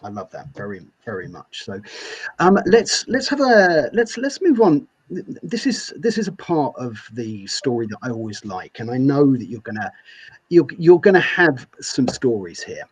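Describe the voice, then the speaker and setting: A man's voice: medium pitch, big pitch swings, moderate pace, husky. Eager man hosting an interview. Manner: enthusiastic, repeats words when starting sentences. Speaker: podcast host. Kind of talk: interview conversation.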